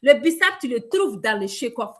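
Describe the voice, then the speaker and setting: A woman from Burkina Faso giving a lively, emphatic sales training talk, addressing her listeners directly. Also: a little high, moderate pace. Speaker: product presenter.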